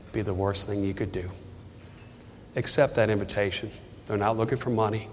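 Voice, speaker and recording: Earnest low-voiced man preaching in a hall. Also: steady tone, a little fast, slight background noise. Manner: earnest, leads a prayer line by line. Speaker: guest speaker. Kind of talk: altar call sermon. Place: church hall. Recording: reverberant hall.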